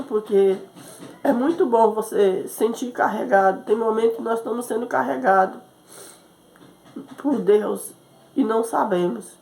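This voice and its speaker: A woman's voice: on the high side, creaky, darkish tone. A woman missionary, telling a personal testimony as a sermon, acting out the voices of the people in her story and often adding "né?". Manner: storytelling, quoting others, frequent "né?". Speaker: missionary preacher.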